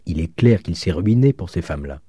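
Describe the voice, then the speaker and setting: A prying, gossipy landlady, as a male reader puts her on, with only a slightly lifted low voice. She probes and chatters in an unhurried tone. Dry storybook reading. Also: animated, mellow, husky, dry recording. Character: nosy woman landlady, middle-aged, gossipy. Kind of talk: audiobook reading.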